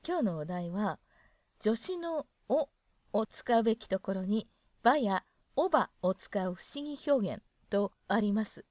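A woman's voice: medium pitch, dark tone, dry recording, studio quality. A woman presenting a casual spoken lesson, chatting and musing aloud as she acts out example lines.

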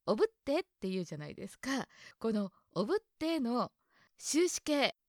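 A woman's voice: fairly high pitch, big pitch swings, moderate pace, no room sound, clean studio sound. A young woman from Hokkaido hosting a casual solo talk show, chatting and musing aloud about words with a light laugh now and then. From Hokkaido, Japan. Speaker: podcast host.

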